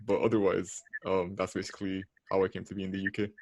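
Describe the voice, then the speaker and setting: A man's voice: deep voice, monotone, quick pace, creaky, darkish tone, no echo. A young man speaking as a panel guest in a hesitant casual way, often restarting. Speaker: panel guest, medical student. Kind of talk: casual chat.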